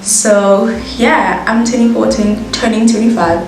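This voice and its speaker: A woman's voice: on the high side, fairly even intonation, a little slow. South african woman, twenties, chatty vlogger, very echoey room, music playing underneath. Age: 20s. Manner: chatty, laughs at herself, bubbly asides. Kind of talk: casual get-to-know-me chat. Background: background music.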